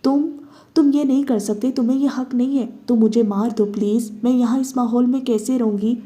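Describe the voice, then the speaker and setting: A woman's voice: a little high, fairly even intonation, dark tone, lightly acted. Woman voicing a desperate pleading prisoner woman. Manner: pleading, tearful. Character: desperate young woman prisoner begging to die.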